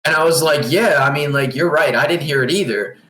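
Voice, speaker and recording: A man's voice: fairly high pitch, a little fast, bright, forceful tone, a little hiss or hum. A young man on a podcast, telling stories in a rambling, casual way, leaning heavily on "like". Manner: rambling storytelling, heavy use of "like". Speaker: podcast co-host. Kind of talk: casual chat. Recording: roomy echo.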